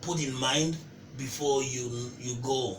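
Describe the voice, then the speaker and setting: A man from Zimbabwe, a chef, speaking in a relaxed, chatty way in a casual interview. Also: mid-range voice, slow. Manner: relaxed, chatty, addresses host as bro. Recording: echoey, distant, noisy.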